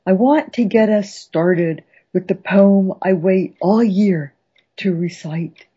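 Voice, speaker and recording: A woman hosting a radio poetry show, reading and reciting poems with slow, dramatic relish. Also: medium pitch, warm tone, husky, muffled recording. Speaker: radio host and poetry professor.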